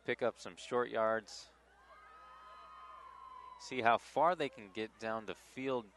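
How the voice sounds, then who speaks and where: Man, color analyst at a high school football game, measured and analytical, faint outdoor noise. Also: fairly even intonation, fairly bright tone. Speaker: color commentator. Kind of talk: sports color commentary and promo reads.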